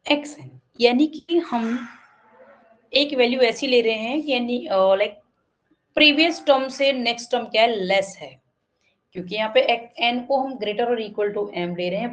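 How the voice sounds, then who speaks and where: A woman with an Indian accent leads an online math lesson at a measured, unhurried pace. Her voice sits a little high for a woman, and she reads English text slowly before explaining it in Hindi with plenty of fillers. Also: rough recording. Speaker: math tutor.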